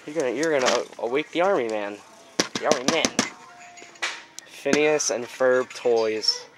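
An excitable teenage boy talks fast into a handheld camera as he wanders around. His voice is middling in pitch, and he bursts out in quick exclamations. Clear background noise from the camera runs underneath. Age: teens. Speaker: vlogger. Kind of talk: casual vlog chat. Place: outdoor parking lot and big toy store. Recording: noisy handheld camera audio.

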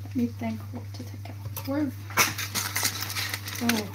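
A woman talks slowly and easily to her live viewers as she cooks at home. Her voice sits a little high, picked up by a phone on the counter. Clear sizzling and kitchen clatter run behind her. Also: level tone, heavy background noise. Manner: chatty, talks to viewers while busy at the stove. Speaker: cooking livestream host. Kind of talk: casual live chat while cooking. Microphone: phone camera close by on the counter.

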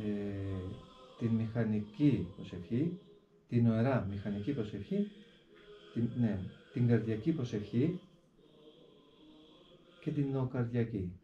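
A monk talks in a very dark, mellow voice, measured and deliberate, and keeps coming back to the same little filler word. He recites the prayer slowly, shifting its stress from word to word. The recording is roomy and dull, with faint noise behind him. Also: fairly low pitch, animated. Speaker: hermit monk. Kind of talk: interview; explaining a prayer.

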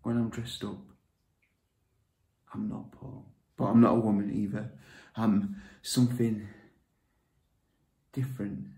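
An actor playing a withdrawn man raised by his grandmother, talking in a halting, confiding way that often drops to a whisper. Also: fairly low pitch, flat delivery, dark tone. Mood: confessional. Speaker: actor performing a monologue. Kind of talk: dramatic monologue. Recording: echoey room.

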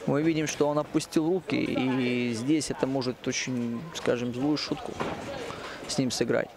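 A man giving live MMA commentary, halting at times and repeating phrases for emphasis. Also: mid-range voice, fairly even intonation. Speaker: fight commentator. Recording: music and crowd noise behind. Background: arena music and crowd.

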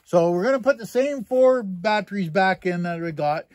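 A man's voice: sits high, lively intonation, normal speed, darkish tone, no echo. A Canadian man vlogging in a rambling, joking way, casually swearing as he talks through a project. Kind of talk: casual chat.

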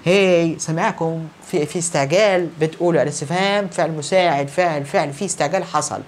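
A man with an Egyptian Arabic accent teaching English grammar in a recorded online lesson, brisk and encouraging, answering students who are not there. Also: a little high, a little hiss or hum.

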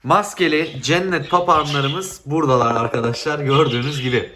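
A man's voice: fairly high pitch, fairly even intonation, brisk, background noise. A man, a bird breeder, chatting casually to his viewers in an indoor breeding room under renovation, his voice echoing in the half-empty space. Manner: chatty, addresses viewers as friends. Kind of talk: casual vlog talk to viewers.

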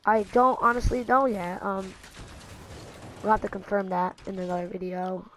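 A woman giving excitable, rambling gameplay commentary, full of fillers and restarts, dropping to mutters and jumping to shrieks. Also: moderate pace, a little hiss or hum, rough recording. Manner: excitable, swings from low muttering to sudden shrieks. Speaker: gaming channel host.

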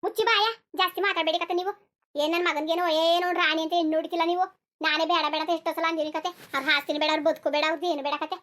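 A woman's voice: very high-pitched, fairly even intonation, rapid-fire, a bit bright. A woman voicing a tearful village mother in a cartoon who pleads and begs for her son. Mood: defiant. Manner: pleading, begging. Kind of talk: cartoon dubbing.

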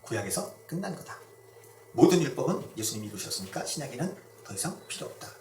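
Male pastor, storytelling sermon, lively and wide-ranging pitch, distant mic in an echoey church hall. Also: fast talker, a little hiss or hum. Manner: conversational storytelling preaching with acted-out quotes. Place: church sanctuary.

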